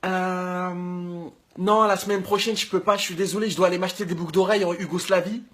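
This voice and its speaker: A man's voice: high voice, steady tone, fairly quick, voice pushed down. A man voicing an evasive young woman who hesitates and makes excuses to dodge a date. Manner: hesitant, soft, full of ums.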